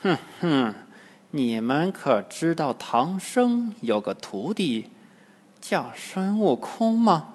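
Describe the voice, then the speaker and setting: Dad voicing a sneaky bone demon lady, drawls low and quiet, cold and plotting, storybook vibe. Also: lively intonation, big-room sound, exaggerated voice. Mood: sneering. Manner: sneering, slow and hushed. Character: cunning female skeleton demon, cold and scheming.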